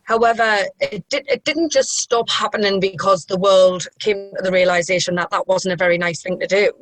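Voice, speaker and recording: A woman's voice: medium pitch, fairly even intonation, brisk, no room sound, low-quality recording. Young woman with a strong Mackem accent. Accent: Mackem (Sunderland). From Sunderland, England. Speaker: sociology group member being interviewed. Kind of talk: casual interview talk.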